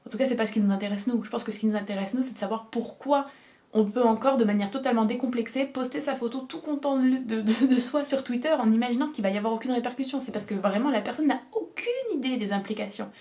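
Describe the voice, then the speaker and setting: A young woman from southern France speaks with a southern French accent, her voice sitting a little high. She delivers an earnest opinion monologue to the camera, pressing her points and repeating them for emphasis. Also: fast talker, dark tone. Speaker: video essayist.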